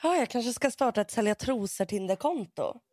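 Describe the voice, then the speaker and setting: A woman's voice: on the high side, animated, a little mellow. A woman co-hosting a podcast in casual chat, asking questions and reacting briefly. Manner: asks questions, short reactions, laughs along. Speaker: podcast co-host.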